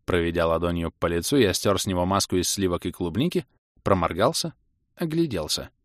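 Animated low-voiced male audiobook narrator. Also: fairly quick, no echo, clean studio sound. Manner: animated, ironic first-person narration. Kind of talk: expressive fantasy audiobook reading.

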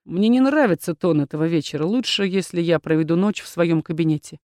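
A woman voicing a weary aristocratic man, a duke, who speaks slowly and coldly. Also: fairly low pitch, no echo, clean studio sound, close to an everyday voice. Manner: slow, flat and detached.

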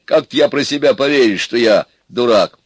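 A man voicing a stubborn, sharp-tongued young peasant in an audiobook. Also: mid-range voice, moderate pace, husky, no room sound, pitched above the performer's own voice, natural voice. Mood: grumbling. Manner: grumbling, sharp-tongued, defiant. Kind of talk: audiobook character voice.

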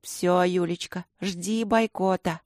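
A woman's voice: a little high, fairly even intonation, normal speed, a little mellow, no echo, clean studio sound, pitched above the performer's own voice, natural voice. A woman voicing a loyal teenage girl friend who teases in a lazy, wry drawl.

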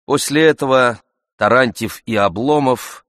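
A man reading a classic novel aloud with a measured, even storytelling manner. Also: mid-range voice, dry recording, studio quality. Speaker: narrator.

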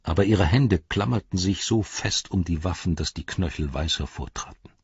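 A man narrating an audiobook in a measured, grave way, in a dry, slightly dull recording. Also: deep voice, husky, no echo.

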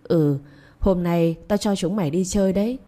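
A woman's voice: lowish voice, normal speed, mellow, lightly acted. A woman voicing a mischievous young husband in a spoken story, bossy and coaxing by turns.

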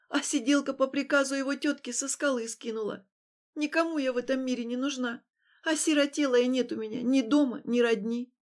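A woman reading a first-person fantasy novel aloud in a slightly high voice. Her narration is steady and storylike. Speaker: audiobook narrator.

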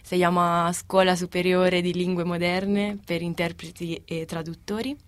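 A young woman in her twenties from Italy, speaking Spanish as a second language with an Italian accent, answering interview questions with pauses while she searches for words. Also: fairly low pitch, level tone, dry recording. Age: 20s. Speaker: guest, exchange student.

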